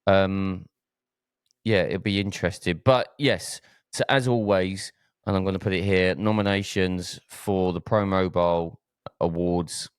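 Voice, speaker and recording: Essex bloke hosting a podcast, deep voice, dry close sound, stumbles over words a bit. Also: male voice, fairly even intonation, a little slow, clear, resonant tone, no room sound. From Essex, England. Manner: hesitant, repeats words. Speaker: podcast host. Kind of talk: casual chat.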